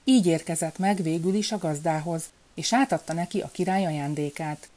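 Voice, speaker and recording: A woman narrates a folk fairy tale in a calm, measured way. Her voice sits low and sounds mellow and warm. It is steady storybook narration.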